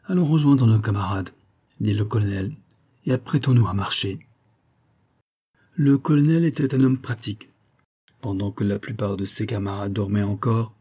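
Husky low-voiced man reading a novel. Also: mellow. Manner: measured, lifts voice for dialogue. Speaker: audiobook reader. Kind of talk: scripted narration of a classic novel.

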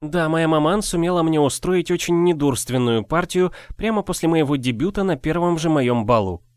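A man's voice: fairly high pitch, expressive, normal speed, a little mellow, smooth, no room sound, studio quality, voice pushed up, close to an everyday voice. A man voicing a purring coquettish young wife. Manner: purring, playful, affected. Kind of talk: audiobook character voicing.

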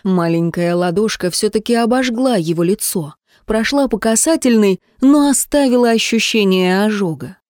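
A woman narrating a romance novel as an audiobook, in an expressive, dramatic reading. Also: mid-range voice, moderate pace, few pauses, no room sound, studio quality.

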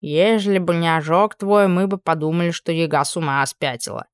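Woman doing a creaky tiny old house spirit. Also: lowish voice, brisk, dry recording, clean studio sound, lightly acted. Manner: creaky and scolding.

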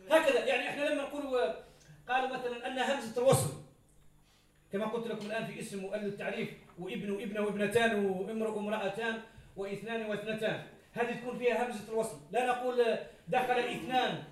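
Man, grammar lecture in a classroom, high voice, quick delivery. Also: steady tone. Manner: explains with many examples and questions to students. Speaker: grammar teacher. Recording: roomy echo, from far off.

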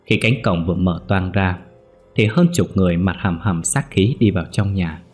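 A man narrating a horror story in a steady storytelling voice. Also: deep voice, normal speed, husky. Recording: faint background music.

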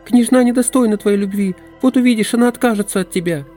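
Audiobook: male reader plays a desperate young forest woman, high and breathless. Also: fast talker, warm tone, soft background music, lightly acted. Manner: pleading, breathless, intense.

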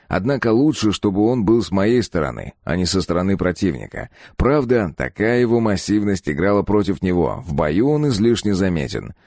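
Deep, dark-voiced male audiobook reader. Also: no room sound, clean studio sound. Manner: gruff, blunt, matter-of-fact. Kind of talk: first-person audiobook narration.

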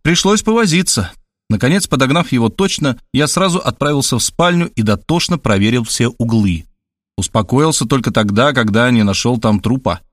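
A man narrating a first-person audiobook in a lively, expressive way. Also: mid-range voice, normal speed, dry recording, studio quality.

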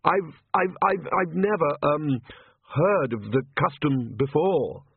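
A man's voice: fairly high pitch, takes it slowly, creaky, husky, dry recording, pitched above the performer's own voice, full character voice. A man doing a stammering timid priest. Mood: fretful. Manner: stammering, hesitant, full of ums. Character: nervous, apologetic young male priest. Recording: tinny phone-like line.

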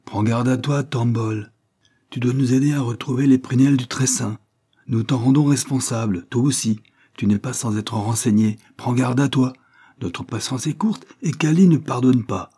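A man's voice: mid-range voice, moderate pace, mellow, breathy edge, voice pushed up, lightly acted. A man voicing a stern, menacing male conspirator issuing threats in a storybook reading.

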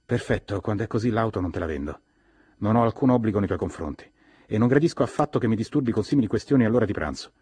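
A man's voice: lowish voice, expressive, fast talker, warm tone, breathy edge, dry recording, pitched above the performer's own voice. A man voicing a brusque, wealthy, athletic man in a dry studio audiobook recording, raising his voice curtly. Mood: irritated. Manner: curt, irritated, raised voice.

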